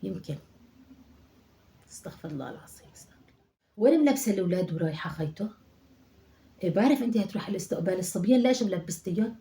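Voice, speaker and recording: Animated and rapid-fire, a woman with a warm, medium-pitched voice close to her everyday one plays a fussing older Aleppo mother in her sixties. For this comic monologue sketch, the chatty, nagging character scolds and mutters prayers in an Aleppo Syrian Arabic accent.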